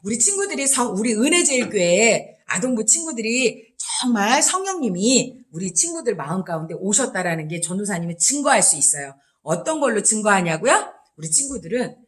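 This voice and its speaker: A woman evangelist telling a Bible story to children in a lively way and often asking them questions. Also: medium pitch.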